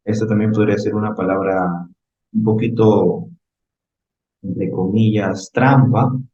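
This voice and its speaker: Speaking Spanish in an unhurried, warm, low voice with a steady tone, a man reviews English vocabulary in class. He's patient and keeps checking on students with "ok?", and the recording is roomy and slightly dull.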